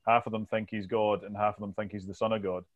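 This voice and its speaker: A man's voice: fairly low pitch, level tone, quick pace, highs cut off, a crowd in the background. A man with a Glasgow Scottish accent chatting casually about football, informal and sweary, as a podcast host.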